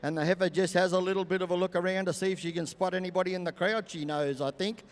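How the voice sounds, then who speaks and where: A high-voiced older Australian man calls a live event as a folksy arena showman. His delivery is clear and resonant, with drawn-out phrases, and rings out over the PA with long reverb. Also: steady tone. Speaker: campdraft commentator and announcer.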